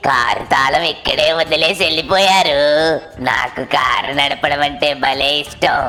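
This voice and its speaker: Woman doing a low, sharp-toned mischievous ghost. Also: normal speed, soft background music. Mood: teasing. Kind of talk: cartoon dub of a game.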